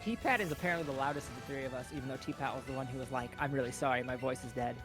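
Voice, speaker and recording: A man with a medium-pitched voice co-commentates a livestreamed speedrun over music, speaking close into his own mic. His manner is playful and chatty, and he restarts his sentences quickly.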